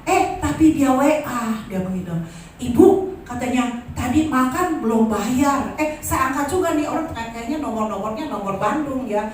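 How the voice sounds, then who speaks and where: A woman in her sixties giving a lively testimony at a worship service, acting out the voices in her story. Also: high voice, normal speed, slight background noise. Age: 60s. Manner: animated storyteller acting out dialogue. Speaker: church testimony speaker. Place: large church hall. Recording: echoey hall from far off.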